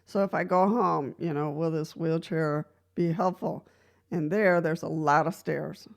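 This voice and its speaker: Talking casually to camera, a Costa Rican woman shares practical tips drawn from life as a wheelchair user. Her low, gravelly voice stays steady and a little slow, with light laughs between points and frequent restarts beginning with "so."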